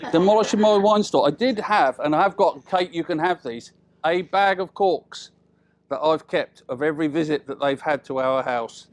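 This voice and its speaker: High-voiced British man giving a teasing wedding speech. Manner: chatty, teasing, with deliberate pauses and tag questions. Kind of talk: informal humorous wedding speech.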